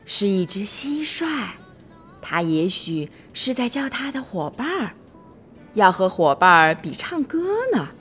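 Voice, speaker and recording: Woman doing a calm sleepy storybook friend. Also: mid-range voice, slow, soft background music. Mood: soothing. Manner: calm, soothing, yawning. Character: patient sleepy barnyard male friend.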